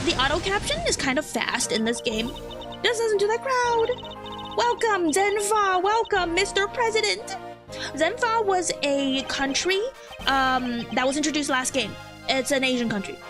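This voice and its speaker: A woman with a very high, lively voice streams a story game, giggling and exclaiming as she reacts aloud. Her pitch leaps about constantly. Game music hums faintly behind her. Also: measured pace. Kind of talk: casual gaming commentary.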